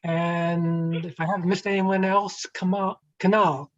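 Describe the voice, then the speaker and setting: Halting woman moderating a video call. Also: on the low side, little pitch movement. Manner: halting, many fillers and restarts. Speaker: livestream moderator. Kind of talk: casual moderating. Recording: slightly dull lo-fi audio.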